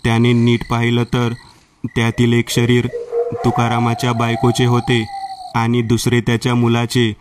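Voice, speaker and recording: Man narrating a horror tale in a flat voice. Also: medium pitch, normal speed, heavy background noise. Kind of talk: scripted narration.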